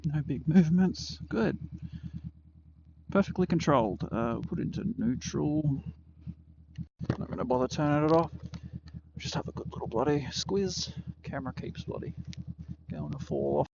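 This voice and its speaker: A relaxed Australian man talks through his helmet mic while riding, dropping easy curses between remarks. His voice sits a bit high and comes through a dull, muffled helmet mic. Loud wind and engine noise roar behind him. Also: normal speed, gravelly. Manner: laid-back, swears casually, talks to himself while riding. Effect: voice picked up by a helmet-mounted mic while riding. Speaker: motorbike vlogger. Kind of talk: casual riding commentary. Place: outdoors on a motorbike on rural roads.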